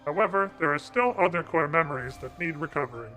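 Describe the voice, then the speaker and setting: A man speaking through a robot voice filter while streaming gameplay, reading out a robotic archivist's lines in a flat, formal way. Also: a little high, quick pace, soft background music. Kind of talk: live-streamed gameplay with a voice changer.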